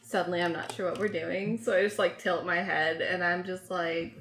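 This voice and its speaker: A woman's voice: on the low side, fairly even intonation, moderate pace, fairly bright tone, reverberant, poor audio. A woman chatting as a tabletop player, explaining her moves with many fillers. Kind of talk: casual chat at a game table.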